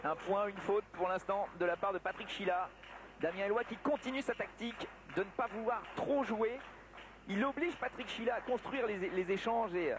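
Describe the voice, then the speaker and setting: A man giving live sports commentary on a table tennis match. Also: sits high. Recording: noisy sports hall broadcast, background ambience. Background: sports hall noise.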